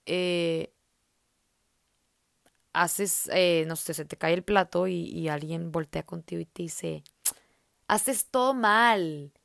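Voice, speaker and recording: This is a young woman talking through a spiritual self-help podcast. Her voice has a gravelly, creaky edge. The sound is dry and close. She rambles in a casual, slangy way with plenty of fillers. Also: fairly low pitch, little pitch movement, slow, pauses often, no echo. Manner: slangy, chatty, full of fillers. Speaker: podcast host.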